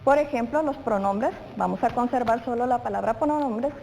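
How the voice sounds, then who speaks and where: A primary school teacher gives a televised grammar lesson to children, speaking directly to the pupil and answering her own questions. Her voice is fairly high-pitched, creaky and dark, at a moderate pace. The room is reverberant, with faint noise.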